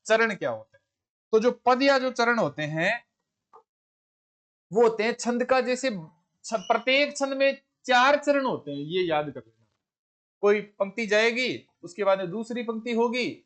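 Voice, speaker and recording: Male tutor, high voice, exam-prep lesson, repeats each question before answering. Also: fairly bright tone. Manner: corrects himself mid-sentence. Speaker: teacher.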